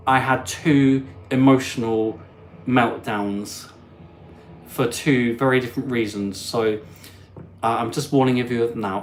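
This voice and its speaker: A man hosting a live stream, chatting and reading out viewer comments in a warm, self-deprecating way. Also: mid-range voice, roomy sound. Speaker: host. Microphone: phone.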